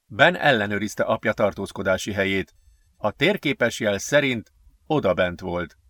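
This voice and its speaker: A man reading an adventure novel aloud as an audiobook narrator, steady and measured. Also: on the low side, no room sound. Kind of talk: scripted narration.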